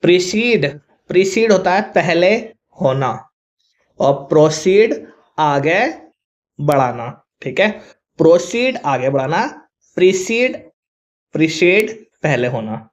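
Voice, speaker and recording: In a slow, expressive, slightly high voice, a Hindi-accented male teacher walks students through English words people confuse, spelling every one letter by letter. He says "thik hai" often, and the recording sounds dull and lo-fi.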